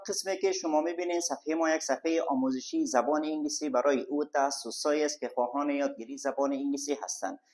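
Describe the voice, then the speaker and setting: A man with a somewhat high-pitched voice leads an online English lesson. He speaks to his listeners as dear friends. He slows right down to spell each English word letter by letter. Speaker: English teacher.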